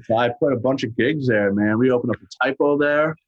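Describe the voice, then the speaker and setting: A man's voice: mid-range voice, brisk, dry recording, lo-fi sound. A middle-aged man with a New York accent, chatting casually as an interview guest in a streetwise, sweary way. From New York, Brooklyn family, raised on Long Island. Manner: profane, streetwise, peppered with "you know" and "man". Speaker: guest, metal musician.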